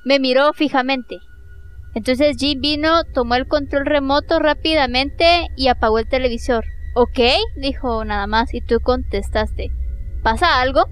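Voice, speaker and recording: A woman's voice: high voice, a little slow, clear, resonant tone. A woman co-hosting a comedy podcast, joking bluntly and crudely and reading fanfic aloud with playful put-on voices. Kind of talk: casual comedic chat and dramatic reading.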